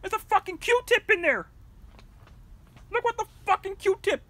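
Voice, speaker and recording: Woman doing a profane ranting puppet mom, high-pitched, bright, comedic vlog rant. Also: lively intonation, unhurried, exaggerated voice. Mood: furious. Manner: profane, shouting, rambling. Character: foul-mouthed furious puppet-world mother.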